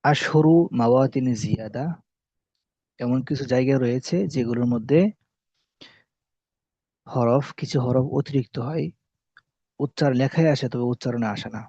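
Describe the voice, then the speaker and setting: A man's voice: mid-range voice, moderate pace, long pauses, dark tone, dry recording. A man teaching Arabic spelling rules in a classroom-style lesson, repeating key points and asking and answering his own questions. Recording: dull lo-fi recording.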